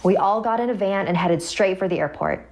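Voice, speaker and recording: A woman's voice: mid-range voice, fairly quick, a little mellow, slight background noise. A woman narrating a scripted first-person horror story, with music behind her voice.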